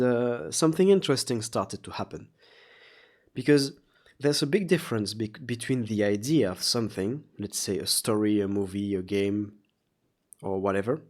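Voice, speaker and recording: Low-voiced, halting man with a slightly sore throat. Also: a little mellow. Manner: halting, searching for words. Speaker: vlogger, artist. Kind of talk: casual confessional vlog monologue.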